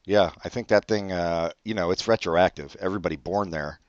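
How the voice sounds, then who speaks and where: A low-pitched man talking a little fast, no echo, on dull, dry lo-fi audio. He's a podcast co-host, Brazilian by birth and raised in California, whose casual comedic chat is dry, rambling and casually profane.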